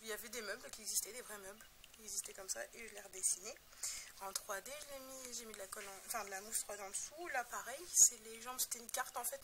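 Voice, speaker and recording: A woman's voice: medium pitch, very noisy. A young woman casually showing her scrapbook album, talking in a rambling, hesitant way with many fillers and self-deprecating asides. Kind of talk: casual show-and-tell narration.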